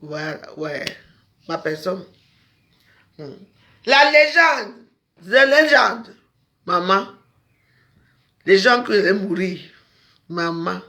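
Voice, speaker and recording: A woman's voice: mid-range voice, animated, slow, long pauses, bright, forceful tone. A woman speaking emotionally in a street interview, with exclamations and repeated phrases, sometimes close to tears.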